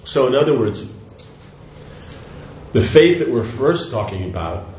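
An older spiritual teacher's mid-range, slightly mellow voice swings widely in pitch as he speaks at a measured pace. His devotional lecture meanders, with many restarts, asides, and casual "you know"s. Echo and faint noise come from the room.

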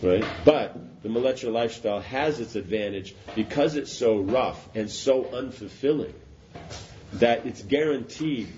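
A man's voice: medium pitch, measured pace, a little mellow. A man giving an informal spiritual talk, rambling with restarts and often asking whether it makes sense. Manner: rambling, repeats and restarts, asks "does that make sense?". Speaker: spiritual teacher. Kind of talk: informal philosophical discourse. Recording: dull lo-fi recording with faint noise.

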